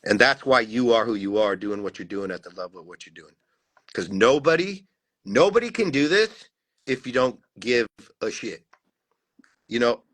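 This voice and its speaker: A man's voice: medium pitch, animated, moderate pace, fairly bright tone. A man in casual podcast chat, talking intensely and swearing heavily for emphasis. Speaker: podcast co-host.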